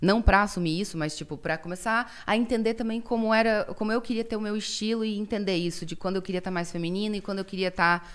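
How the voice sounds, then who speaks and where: A woman in her late twenties, a podcast guest telling a personal story in casual chat, animated, with many fillers. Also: medium pitch, fast, hardly any pauses, smooth. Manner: animated, lively retelling with frequent fillers.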